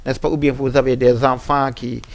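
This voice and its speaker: A man teaching English pronunciation in French, slowly repeating example words with frequent hesitations and a West African French accent. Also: mid-range voice, little pitch movement. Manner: slow, repeating example words many times. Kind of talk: French-language pronunciation lesson on English sounds.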